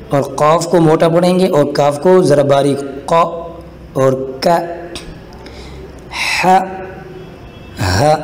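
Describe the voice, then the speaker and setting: A man from Pakistan teaching a recorded lesson on reading Arabic letters, patient and slow as he draws out each letter sound. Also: on the high side, warm tone, reverberant, long reverb tail.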